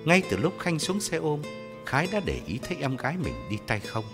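A man narrating a story in a measured, expressive audiobook style. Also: fairly high pitch, in a large hall, over music.

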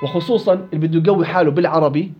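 A man's voice: a little high, racing, faint music behind. A man teaching a class on Quran recitation rules, repeating and contrasting each rule to drill it into his students. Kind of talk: classroom tajweed lesson. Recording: muffled lo-fi recording.

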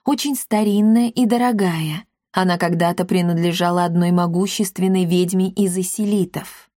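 Lady doing a bossy scheming tomcat boss, low and slow, dry close sound. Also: fairly even intonation, dark tone, no echo, natural voice. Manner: commanding, growling threats. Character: gruff male talking-cat gang leader.

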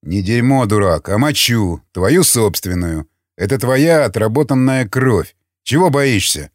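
A man doing a gruff, blunt veteran scavenger. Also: medium pitch, lively intonation, a little slow, dry recording, clean studio sound, close to an everyday voice. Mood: stern. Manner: terse, blunt, matter-of-fact. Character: gruff seasoned male scavenger, calm and commanding.

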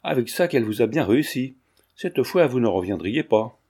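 An old servant woman, frightened and blunt, grumbling as she talks, read by a man. Her voice sits at a middle pitch with a mellow, dark tone. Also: expressive, normal speed, slightly rough. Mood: scolding. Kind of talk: audiobook character reading.

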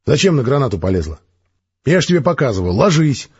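Brief: gruff, dry-humoured soldier officer, read by a male narrator, husky and lowish, muffled audiobook sound. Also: big pitch swings, fast talker, darkish tone. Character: gruff dryly joking male space major.

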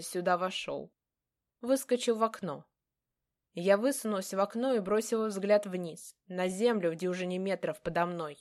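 A woman narrating a first-person fantasy novel in a measured, expressive reading voice. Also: mid-range voice. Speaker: audiobook narrator.

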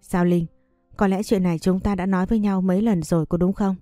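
A woman voicing an older woman doctor near retirement, who speaks in a calm, measured way. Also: mid-range voice, no echo, clean studio sound, faint music behind, lightly acted.

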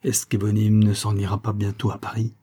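A man's voice: lowish voice, completely flat delivery, a little fast, dark tone, slightly rough. A man voicing a stern, jealous young forester. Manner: severe and commanding.

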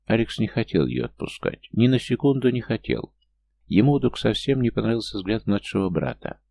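Male audiobook narrator, deep and gravelly, mellow dark tone. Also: animated, normal speed. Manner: reads every character's lines himself, lifting his pitch for younger or smaller figures. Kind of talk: scripted fantasy narration.

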